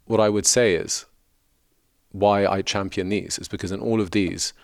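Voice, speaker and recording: A middle-aged man of Lebanese background who grew up in London speaks earnestly as a spiritual mentor in a reflective podcast conversation. His voice is lowish, steady and creaky, at a moderate pace, and he's thoughtful but often restarts his sentences. The studio-quality recording has no room sound.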